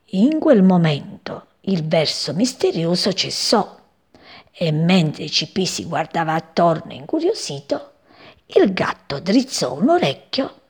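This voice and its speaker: Woman, children's storyteller, lively melodic reading, gravelly husky voice. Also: fairly low pitch. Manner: expressive, gentle, unhurried.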